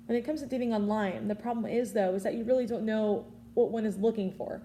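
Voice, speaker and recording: In an informal prepared talk, this early-twenties student speaker offers sincere advice in a chatty way. Her warm voice runs on the high side, fast and fairly even in intonation, and a little background noise can be heard.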